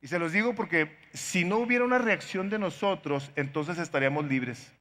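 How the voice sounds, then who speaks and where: A middle-aged man, a pastor, preaching a sermon with pleading, dramatic swings in loudness. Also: a little high, moderate pace, in a large hall.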